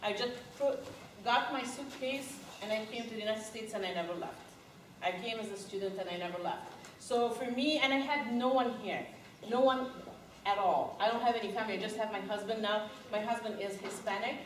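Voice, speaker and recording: A woman's voice: on the high side, fairly quick, slight background noise. A woman from Egypt leading a live goal-setting workshop at a conference, chatty and laughing, asking the audience questions. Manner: lively, laughing, quizzes the audience. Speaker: workshop speaker. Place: conference room. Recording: echoey room, recorded from far.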